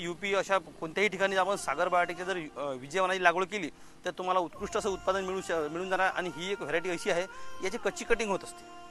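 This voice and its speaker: Fast talking guy, high bright voice, giving earnest farming tips, lots of uh and restarts. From India. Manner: earnest, with frequent "uh" fillers and restarts. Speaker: crop advisor. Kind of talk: informal farming advice talk.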